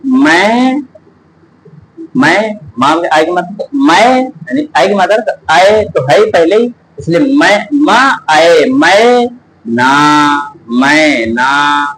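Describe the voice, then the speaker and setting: Man slowly drilling words, lively pitch. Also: slight background noise, low-quality recording. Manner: drawn-out repetition of words, syllable by syllable. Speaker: teacher. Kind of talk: slow Hindi phonics lesson.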